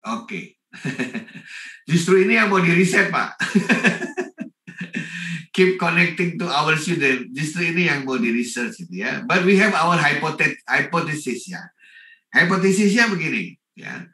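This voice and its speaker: A man from Indonesia giving a lively talk at an online forum, mixing in English phrases and greeting listeners by name. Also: on the high side, a little slow, reverberant, far from the mic. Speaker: forum speaker.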